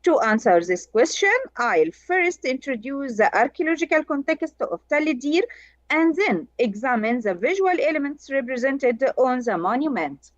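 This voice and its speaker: A woman from Egypt, presenting over a video call and reading a prepared conference paper slowly and carefully. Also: sits high, very animated, no room sound. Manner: slow, careful, measured delivery. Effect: heard over a video call. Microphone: remote computer mic on a video call. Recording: dull, dry video call audio.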